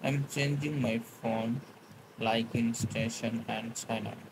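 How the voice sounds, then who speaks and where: A man speaks slowly and at an ordinary pitch, chatting with viewers on a live stream. His English is halting and broken, full of restarts as he answers comments. Clear background noise fills the room around him. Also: fairly even intonation. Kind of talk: casual live-stream chat.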